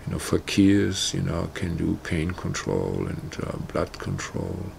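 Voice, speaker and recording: Slow, gravelly low-voiced man. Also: big pitch swings, a little mellow, a little hiss or hum. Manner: halting, many fillers like "you know" and "uh". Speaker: meditation teacher. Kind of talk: casual spoken talk.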